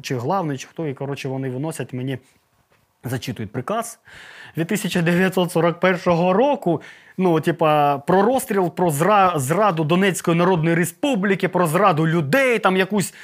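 This podcast guest has a slightly high, fairly bright voice. Chatting with the host, he spins a vivid, slangy tale, mimicking sounds and throwing in the occasional curse.

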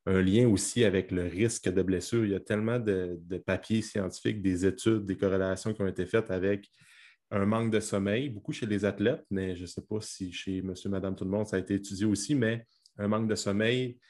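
A man's voice: on the low side, steady tone, fairly quick, a little mellow. A man with a Québécois French accent, hosting a podcast conversation, with affirming remarks and fillers. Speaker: podcast host.

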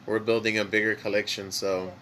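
A Mexican-accented man, a native Spanish speaker, co-hosts a podcast and rambles casually while high, filling his talk with lots of fillers. He speaks fairly quickly, and there's a bit of background noise.

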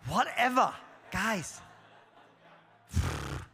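High, bright-voiced man preaching with jokes. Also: wildly swooping pitch, drawn-out words, gravelly. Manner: chatty and joking, with many fillers and restarts. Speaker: pastor. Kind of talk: humorous sermon to a congregation. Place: church hall. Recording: long hall reverb.

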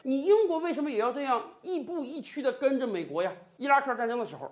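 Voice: high-pitched, expressive, fast talker. A political commentator in full opinion mode, voice swinging widely up and down to mock and emphasize. The delivery is sarcastic and pointed, with heavy stress on scornful phrases.

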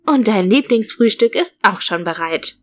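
A loving, cheerful mother in a storybook, speaking fondly and brightly to her child, as a woman reads her part. She sounds affectionate and upbeat. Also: mid-range voice, lively intonation, moderate pace, natural voice.

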